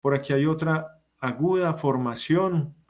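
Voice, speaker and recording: A man's voice: fairly high pitch, measured pace, dull audio. A man teaching a class who explains step by step and puts questions to his students. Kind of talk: online class lecture.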